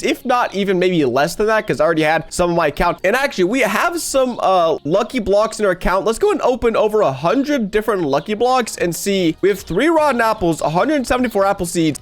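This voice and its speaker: High-voiced, stuffy-nosed man hosting gameplay. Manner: chatty, upbeat, addresses viewers directly. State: stuffy nose from a cold. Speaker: gaming channel host. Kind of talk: gameplay commentary.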